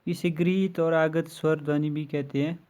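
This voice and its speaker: A man teaches an exam-prep grammar lesson, working methodically through lists of letters with examples. His voice sits a little high for a man but sounds mellow and dark in tone. He speaks in a flat, even delivery. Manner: slow, methodical listing with examples.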